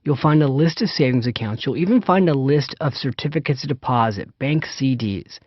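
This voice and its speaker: A man's voice: medium pitch, dry recording, muffled recording. Chatty man teaching money basics. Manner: chatty, anecdotal, speaks straight to the listener. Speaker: author and personal finance teacher. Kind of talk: self-read audiobook, seminar-like teaching.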